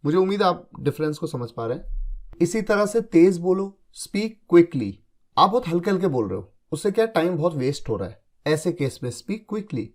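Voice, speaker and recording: A man's voice: fairly high pitch, very animated. A man teaching spoken English, explaining each example patiently and checking that his students follow. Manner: explains patiently, checks understanding with repeated confirmations; reads English examples slowly and deliberately. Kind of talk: spoken English lesson in Hindi.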